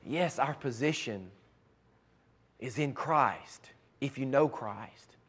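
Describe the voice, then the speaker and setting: Preaching at an unhurried pace, this pastor has a mid-range voice roughened by allergies and yelling at ball games. His delivery is fervent, climbing to repeated, emphatic phrases.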